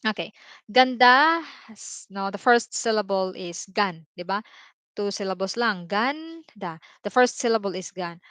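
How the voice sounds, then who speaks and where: Filipino woman teaching, smooth and dry. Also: medium pitch, expressive, fairly bright tone, no echo. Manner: explains slowly, repeating examples, many "no" and "okay" tags. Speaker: Tagalog teacher. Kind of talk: livestream language lesson.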